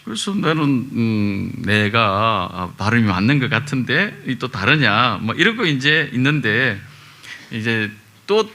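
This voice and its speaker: Bright-voiced pastor man, chatty sermon. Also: medium pitch, creaky. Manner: conversational storytelling with many pauses and fillers. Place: church sanctuary.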